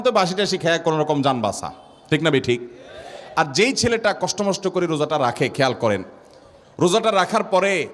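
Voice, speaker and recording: Male preacher, high-pitched, vivid storytelling, long hall reverb. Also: a bit bright. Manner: vivid storytelling with repeated rhetorical questions. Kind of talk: Islamic sermon with storytelling.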